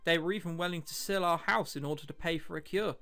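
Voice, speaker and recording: A let's play host talks fast in a slightly high voice that's pushed, bright and clean as he reads a visual novel aloud. Between lines he adds wry, chatty asides and sometimes stumbles, with background music behind him.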